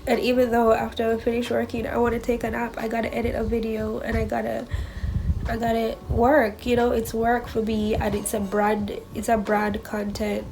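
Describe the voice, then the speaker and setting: A woman's voice: fairly high pitch, monotone, moderate pace, vocal fry, noisy background. A young woman talking casually as a vlogger, her nose stuffed up, chatty and candid about being stressed. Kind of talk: casual vlog chat.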